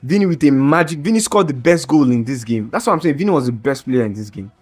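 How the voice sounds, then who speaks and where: Talking fast in a medium-pitched, expressive, slightly mellow voice, a young football fan vlogger rants in a reaction video about a match. He's heated and exasperated, trips over restarts, and strains his voice.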